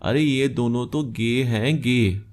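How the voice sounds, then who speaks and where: A man voicing a drunk male college friend who loudly mocks and accuses two old classmates. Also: mid-range voice, takes it slowly, natural voice. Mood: mocking. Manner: taunting, raised and agitated.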